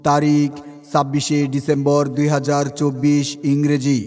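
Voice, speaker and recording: A man making an event announcement in a loudspeaker style, reciting the details in a chanted, sing-song way. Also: fairly high pitch, monotone, moderate pace. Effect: loudspeaker-style announcement with long reverb. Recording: long hall reverb over faint music.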